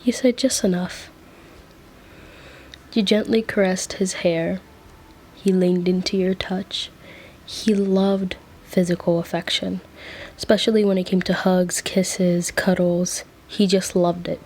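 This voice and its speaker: A woman's voice: on the low side, level tone, measured pace, darkish tone, a little hiss or hum. A woman narrating a fan fiction story as whispered role-play, casual with chatty asides.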